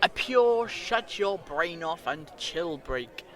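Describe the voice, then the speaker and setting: A man's voice: on the high side, lively intonation, slow, fairly bright tone. A man playing a clever, theatrical, reassuring alien time traveller in a fan audio drama, explaining things eloquently.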